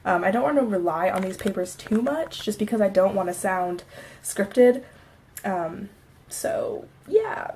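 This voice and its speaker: A young adult woman chats casually to camera in a vlog, laughing often and sounding a little stuffy from a cold. Her mid-range voice is lively in intonation, slightly slow and darkish, with a little hiss or hum.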